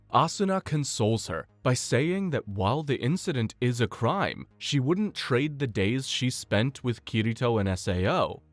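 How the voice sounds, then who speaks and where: A man narrates a scripted story recap with a lively, rising-and-falling pitch. His read is steady and explanatory, walking through each event in turn. The sound is close and dry, with no room around it. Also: dry recording.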